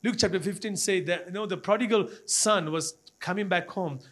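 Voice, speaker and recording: Preaching with fervor, this man from Malaysia speaks in a high-pitched, slightly bright voice at normal speed, his Malaysian accent clear. He exhorts the congregation repeatedly, circling back to the same phrases and frequently speaking to them directly.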